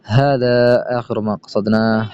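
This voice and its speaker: A man teaching a grammar lesson, asking himself quick rhetorical questions and quoting verse. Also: fairly low pitch, fairly even intonation, darkish tone, smooth. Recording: dull lo-fi recording with faint noise.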